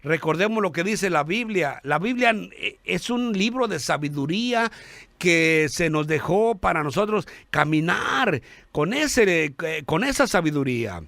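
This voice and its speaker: A man giving an earnest radio sermon, calling listeners brothers, halting now and then with fillers and restarts. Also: high voice, lively intonation, creaky, a bit bright, no echo. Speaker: radio preacher.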